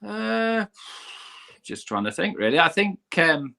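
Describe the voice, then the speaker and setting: A man's voice: on the high side, big pitch swings, takes it slowly, gravelly, bright, forceful tone. A man as a guest on a casual podcast interview, easygoing and self-deprecating, laughing often. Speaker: guest, van camping vlogger.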